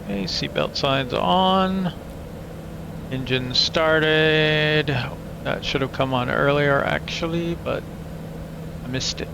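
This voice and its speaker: A man's voice: a little high, slow pace, gravelly, pauses often. A man giving casual running commentary as he plays a flight simulator, muttering checklist items to himself in clipped phrases. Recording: steady aircraft hum behind voice.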